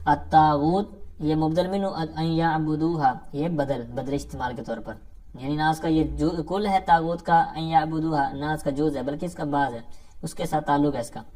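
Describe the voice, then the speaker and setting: A male religious studies teacher giving an Arabic grammar lecture. He explains one point at a time and keeps checking in with his listeners. He recites scripture verses slowly and deliberately. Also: on the high side, a little mellow. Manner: keeps checking in with "theek hai" between points.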